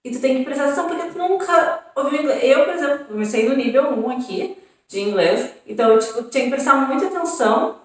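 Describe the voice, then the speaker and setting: A young woman from Brazil with a southern Brazilian accent talks casually to her viewers, piling on tag questions and fillers. Her voice sits a bit high. She sounds set back from the mic in a very echoey room. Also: lively intonation, fast, far from the mic. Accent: southern Brazilian Portuguese. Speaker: vlogger on an exchange program. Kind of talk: casual chat.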